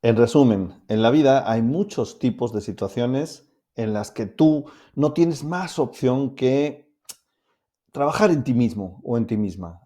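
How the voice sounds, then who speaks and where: A man's voice: mid-range voice, lively intonation, measured pace, mellow. A man giving a self-help lesson to camera, explaining steps directly to the viewer in an upbeat, coaxing way. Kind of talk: instructional talk to camera.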